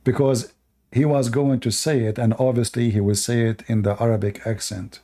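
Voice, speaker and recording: Speaking English with non-native grammar, this live debate show host mocks and fights with callers, laughing at those who oppose him. He has a warm, mid-range voice with fairly even intonation at a normal speed.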